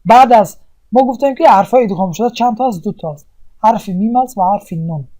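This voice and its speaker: A recitation teacher giving a tajweed lesson, explaining step by step with pauses and asking and answering their own questions. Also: mid-range voice, warm tone.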